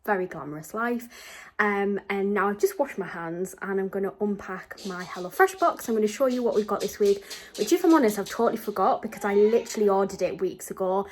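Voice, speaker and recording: A woman's voice: medium pitch, fairly quick, darkish tone. A woman chatting casually into her camera for a vlog, rambling with plenty of ums. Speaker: vlogger. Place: outdoors on a walk, then at home.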